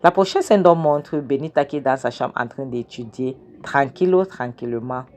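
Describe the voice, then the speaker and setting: A woman's voice: a bass voice, normal speed, a little mellow. A woman casually retelling a film scene by scene from her kitchen, acting out the characters' lines with animation. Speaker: film recap narrator. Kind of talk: casual film recap storytelling.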